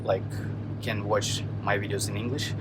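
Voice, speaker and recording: Halting and hunting for words in a language not his own, a Kazakh trucker with a Russian accent casually vlogs from a truck yard and his cab. His voice is on the low side with little pitch movement, nearly drowned by loud truck and outdoor noise.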